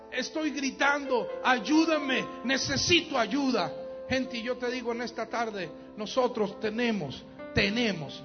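A middle-aged man, preaching a sermon that swells into shouted calls to the congregation. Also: very high voice. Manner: rising to shouted fervor, repetitive calls to the congregation. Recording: dull, reverberant hall with music behind.

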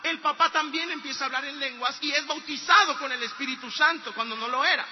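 High-voiced man preaching in a reverberant hall. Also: fast talker, highs cut off, a little hiss or hum. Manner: earnest storytelling that builds to loud exhortation. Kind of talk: storytelling sermon.

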